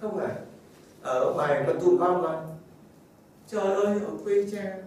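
High-voiced man preaching in an echoey hall. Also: a little slow. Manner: animated storytelling, chuckles often. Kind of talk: informal sermon with anecdotes. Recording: very echoey room, distant mic, faint noise.

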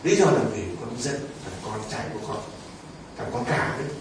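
A stubborn, resentful aging father pours out his grudge in confession, as a priest puts him on. The voice drops low and grumbling and flares up when angry. It sounds distant, ringing through a big echoing church. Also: very animated, brisk, noisy background, lightly acted. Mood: grumbling plea.

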